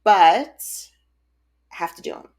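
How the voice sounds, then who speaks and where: A podcast co-host in her late thirties chats in a relaxed, cheerful way with frequent laughter. Her voice is a little mellow and slow-paced, and the recording sounds muffled.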